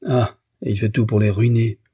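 A man voicing a wounded, bitter bourgeois wife who speaks in a sharp, accusing way. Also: lowish voice, steady tone, normal speed, breathy edge, dry recording, clean studio sound.

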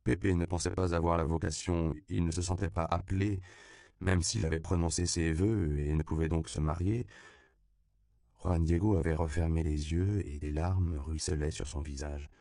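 Deep, gravelly man narrating a novel. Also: steady tone, warm tone, no room sound, clean studio sound. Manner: measured, storytelling. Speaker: audiobook narrator. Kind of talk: scripted narration.

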